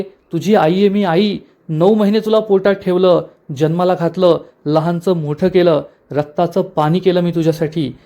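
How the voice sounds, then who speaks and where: A man's voice: on the high side, darkish tone, natural voice. A man voicing a scheming, quarrelsome and proud village mother who scolds and pleads theatrically.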